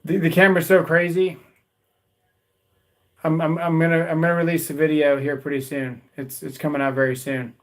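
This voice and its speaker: On poor audio, a man with a higher, flat voice hosts a live tool video for his YouTube channel at a moderate pace. It's casual livestream chat: he rambles, repeats himself and addresses viewers as "guys" and "dude."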